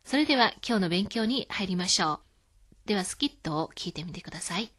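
A woman hosting a scripted radio lesson, explaining words calmly. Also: medium pitch, fast. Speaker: Chinese language teacher.

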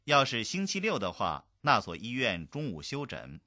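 A voice reading lesson phrases aloud slowly for learners to repeat. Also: mid-range voice, wildly swooping pitch, bright, forceful tone, no room sound, clean studio sound. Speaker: model reader of phrases. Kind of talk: slow drill repetition.

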